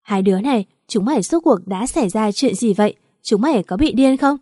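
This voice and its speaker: A woman voicing an anxious older mother who scolds her quarrelling sons and then coaxes them to calm down. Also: fairly high pitch, fairly quick, dry recording, studio quality. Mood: scolding.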